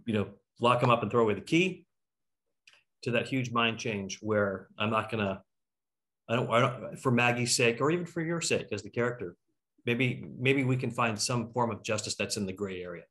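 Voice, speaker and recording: A middle-aged talkback host with a fairly low, fairly bright voice runs a casual panel over a video call, speaking at normal speed. He muses aloud as he works his way toward his questions, picked up by his computer microphone in an indoor room.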